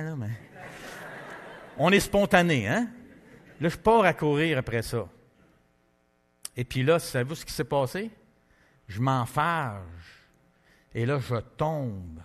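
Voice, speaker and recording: A man with a Québécois French accent preaching a testimony sermon, telling his story in a lively, conversational way with many fillers. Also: on the high side, in a large hall. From Quebec.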